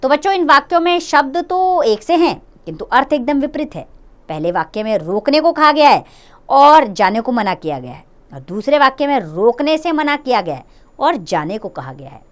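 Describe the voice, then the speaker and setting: Lively-voiced woman teaching children. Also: high voice, moderate pace. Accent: Hindi. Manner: friendly, explanatory, addresses children directly. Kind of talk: children's grammar lesson.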